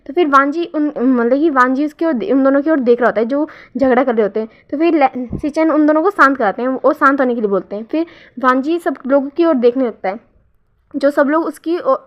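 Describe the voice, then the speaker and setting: A woman retelling a romantic fan fiction story off the cuff, acting out every character's lines herself, often restarting words. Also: high-pitched. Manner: unscripted retelling with frequent restarts and fillers. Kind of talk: storytelling narration. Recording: dull lo-fi recording.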